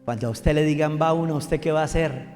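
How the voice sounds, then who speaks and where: High-voiced Colombian pastor preaching in an echoey hall. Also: male voice, fast, faint music behind. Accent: Colombian Spanish. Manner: animated preaching with acted-out joke voices and shouts. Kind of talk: sermon. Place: church.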